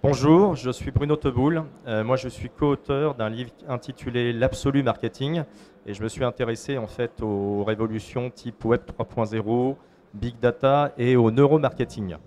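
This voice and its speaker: A man introducing himself on a panel in a measured way. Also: mid-range voice, a little mellow. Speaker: panelist, co-author.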